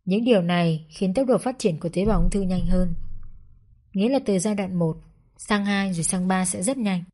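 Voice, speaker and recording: Storybook: woman doing a blunt, matter-of-fact male doctor, mellow tone. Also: lowish voice, moderate pace, close to an everyday voice. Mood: stern. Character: stern middle-aged male hospital doctor. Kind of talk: storybook narration.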